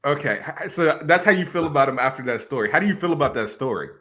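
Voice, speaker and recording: A man's voice: fairly high pitch, lively intonation, fast, pushed and bright. A man hosting a casual chat, putting questions to his guest with a chuckle. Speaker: host.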